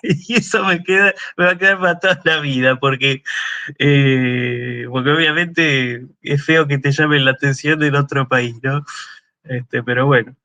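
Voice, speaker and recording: A man's voice: mid-range voice, steady tone, unhurried, sharp tone. A man with an Argentine Spanish accent giving a university lecture, explaining step by step and often checking in with a questioning "¿sí?". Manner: thinking aloud with fillers and restarts.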